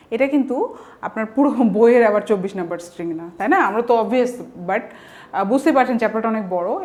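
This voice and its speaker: A woman's voice: on the high side, darkish tone. A woman with a Bangladeshi Bengali accent teaching an online vocabulary lesson, explaining step by step and posing frequent rhetorical questions. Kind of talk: online exam-prep lecture.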